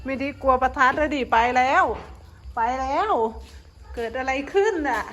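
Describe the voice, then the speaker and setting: A woman's voice: sits high, normal speed, a bit bright, a little hiss or hum. A middle-aged woman, talking playfully to her dogs in doting baby talk. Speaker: pet owner. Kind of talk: casual vlog talk to pets.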